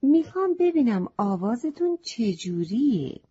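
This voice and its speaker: A woman's voice: a little high, very animated, mellow, breathy edge, lo-fi sound, pitched above the performer's own voice. A woman playing a curious little boy. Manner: polite, wondering questions.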